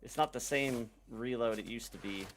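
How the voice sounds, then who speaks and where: A man's voice: medium pitch, moderate pace. Laid-back young male game streamer. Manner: laid-back, talks to chat, slangy. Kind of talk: casual live-stream chatter while gaming. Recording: noisy background.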